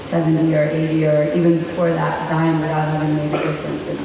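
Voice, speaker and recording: A woman's voice: deep voice, monotone, quick pace, gravelly, crowd noise. A woman in her fifties, an engineer and entrepreneur, speaking steadily and earnestly on a panel. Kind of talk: panel answers. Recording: echoey hall, mic far, noisy.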